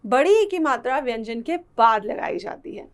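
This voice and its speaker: A woman teaching a children's lesson, slow and patient, repeating syllables aloud. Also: a little high, very animated.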